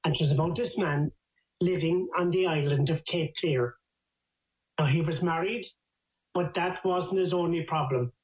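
An older man with an Irish accent, a traditional storyteller with a lilting, unhurried delivery and dry wit. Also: fairly high pitch. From Ireland. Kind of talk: storytelling in conversation. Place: at home, over a video call. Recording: echoey, dull video-call audio.

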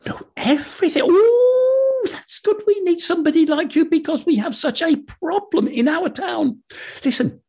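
Man doing a shrill, frantic town gatekeeper. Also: unhurried, full character voice. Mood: excited pleading. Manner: shrill, excited, pleading. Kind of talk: storyteller's acted dialogue.

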